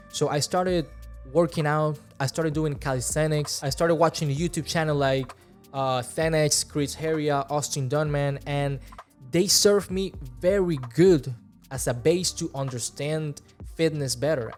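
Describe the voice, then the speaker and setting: Speaking English as a second language with a Venezuelan Spanish accent, this twenty-something fitness vlogger chats casually to camera, relaxed and earnest, moving his hands as he talks. His voice runs on the high side, picked up by a large studio mic right in front of him in a small room.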